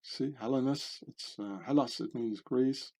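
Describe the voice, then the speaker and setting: A man hosting his channel talks through pictures in a rambling, meandering monologue full of fillers and tag questions. His mid-range voice is darkish in tone and measured in pace.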